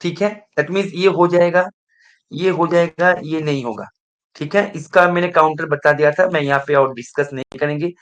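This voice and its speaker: A man leads a live online math revision class, asking the class over and over whether they follow. His voice sits a little high for a man, and he mixes English technical terms into his explanations. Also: fairly even intonation, normal speed, a bit bright, highs cut off. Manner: keeps checking students understand, asks the class repeatedly. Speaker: math teacher.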